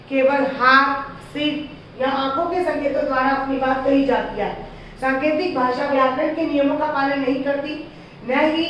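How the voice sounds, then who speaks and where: A woman teacher giving a slow, patient grammar lesson to young children, asking them questions as she explains. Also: sits high, slight background noise. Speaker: school teacher. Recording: echoey, distant, dull lo-fi sound.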